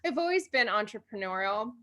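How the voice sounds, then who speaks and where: A woman from Hawaii talks as a podcast guest, her voice bright and forward. She rambles warmly through her answers, stopping to restart sentences and laughing often. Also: a little high, very animated, brisk. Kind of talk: casual interview chat.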